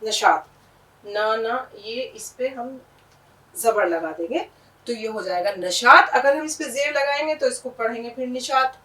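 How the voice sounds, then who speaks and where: A woman with a high voice teaches a language lesson, patiently spelling each word letter by letter and repeating it. She sounds distant from the mic. The room around her is echoey. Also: animated. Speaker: Urdu teacher.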